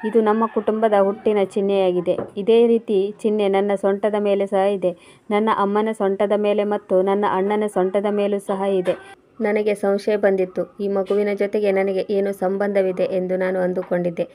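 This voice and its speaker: A woman's voice: mid-range voice, little pitch movement, normal speed, warm tone, slight background noise, natural voice. A woman voicing a grieving transgender woman, Bhavani, who recounts her past in a plaintive, pleading tone. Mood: sorrowful.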